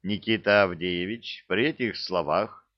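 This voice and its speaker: A man reading a fairy-tale story aloud in an unhurried, expressive way, doing voices for the characters. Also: sits low. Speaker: narrator. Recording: dull lo-fi recording.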